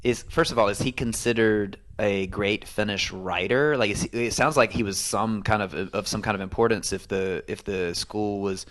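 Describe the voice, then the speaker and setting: A man's voice: on the low side, fairly even intonation, normal speed, few pauses, a bit bright. A man co-hosting a podcast, asking probing questions and reflecting in casual chat. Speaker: podcast co-host.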